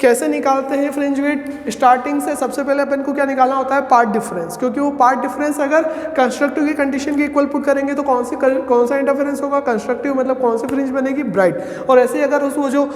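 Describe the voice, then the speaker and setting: A man teaching a physics lesson in a high voice. He keeps asking the class questions and then answers each one himself. His voice rings through a roomy, echoing space with a long tail of reverb. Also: fairly even intonation, quick pace, few pauses. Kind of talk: classroom lecture deriving formulas.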